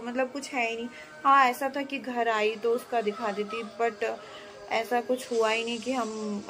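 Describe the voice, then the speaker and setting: A woman's voice: on the high side, fairly bright tone, poor audio. A young woman chatting casually to her vlog audience in a rambling, chatty way, mixing in English words. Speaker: vlogger. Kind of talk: casual family vlog chat.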